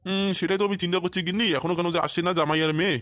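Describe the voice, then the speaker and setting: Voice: medium pitch, fairly even intonation, rapid-fire, fairly bright tone, dry recording, pitched below the performer's own voice, close to an everyday voice. A performer voicing a worried, welcoming older father-in-law in a cartoon who repeats his words. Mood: fond fussing. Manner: repeats words, anxious fussing.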